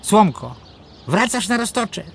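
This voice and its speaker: A man's voice: high voice, very animated, takes it slowly, gravelly, over loud music, pitched above the performer's own voice, heavily acted. A man doing a screechy old storybook witch. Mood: exasperated. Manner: exaggerated, sing-song theatrical delivery. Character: cackling old female witch, boastful but soft-hearted. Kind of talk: storybook voice acting in verse.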